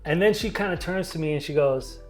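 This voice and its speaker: A man's voice: fairly high pitch, a little fast, faint music behind. A man telling a long story from his tattoo work in casual chat, rambling and full of "you know" and "like". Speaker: tattoo artist.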